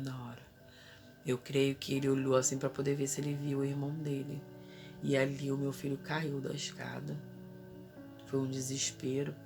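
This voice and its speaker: A woman's voice: rumbling low, creaky. A woman in her thirties telling an emotional personal story as a mother, urgently reliving her own desperate cries for help.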